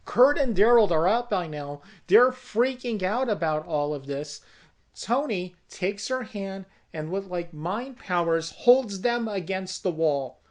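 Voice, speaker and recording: A person pitching a comic horror movie in deliberate, dramatic narration. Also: lively intonation, darkish tone. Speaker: storyteller.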